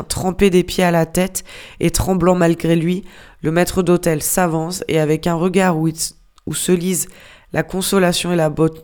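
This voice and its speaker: A narrator reads a classic sea novel aloud for an audiobook. The reading is steady and measured, with a mid-pitched voice. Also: clean tone. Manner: measured literary reading with occasional restarts.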